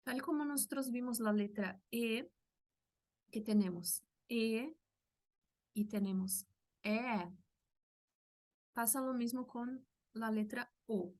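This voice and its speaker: Slow, patient Brazilian woman teaching. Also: a little high, a little mellow. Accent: Brazilian Portuguese. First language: Portuguese. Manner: patient, explanatory, models each sound aloud. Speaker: language teacher. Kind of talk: language lesson.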